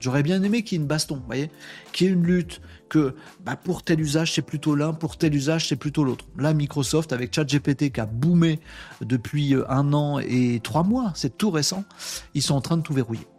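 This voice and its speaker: Lively slangy male live-stream host. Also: on the high side, breathy edge. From France. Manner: slangy, animated, addresses chat viewers directly. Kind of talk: casual live-stream talk.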